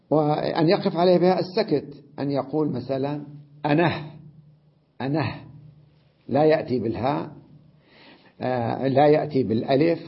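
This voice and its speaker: A man teaching an Arabic grammar lesson, explaining step by step, checking with his students and slowly repeating example words. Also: mid-range voice, slightly rough. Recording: dull lo-fi lecture recording.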